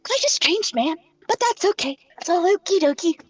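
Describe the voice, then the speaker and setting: Woman as a high-pitched, cheeky motherly little lady. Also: expressive, normal speed, no room sound, soft background music. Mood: cheeky comfort. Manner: cooing endearments, cutesy catchphrases. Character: small cheeky motherly woman, soothing and teasing. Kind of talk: tabletop role-play.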